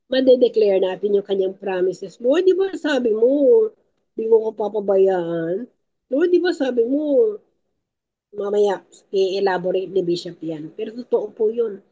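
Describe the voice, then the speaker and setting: A woman's voice: medium pitch, warm tone, highs cut off. A woman giving a teaching talk at a prayer group, emphatic and repeating her key points, with tearful moments. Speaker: lay speaker at a prayer group.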